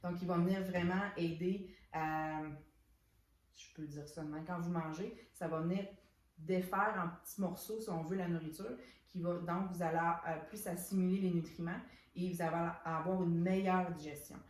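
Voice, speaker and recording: A chatty woman with a Québécois accent walks through products in a relaxed unboxing chat, stumbling over words and leaning on "donc". Her voice sits a bit low for a woman. It rings in an echoey room. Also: moderate pace. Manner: chatty, many restarts and "donc" fillers. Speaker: soap shop owner presenting products.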